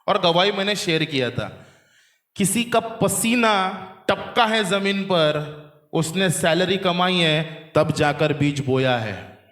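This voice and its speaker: A man's voice: high voice, animated, slow pace, fairly bright tone, reverberant. A man preaching a sermon to his church, quizzing the congregation and having them repeat lines back. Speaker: pastor. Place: church hall. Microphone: handheld microphone.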